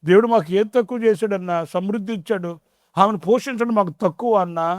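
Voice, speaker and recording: A man's voice: sits high, a little fast, dry recording, clean studio sound, pitched above the performer's own voice, natural voice. A man voicing earnest pleading grown sons.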